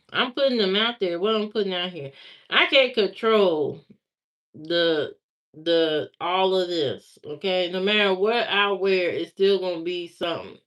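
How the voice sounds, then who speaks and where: Speaking on a livestream, an Indiana woman casually answers viewer comments, often repeating herself as she responds. Her voice sits fairly low, with lively intonation and an unhurried pace. The stream audio is lo-fi and a little muffled.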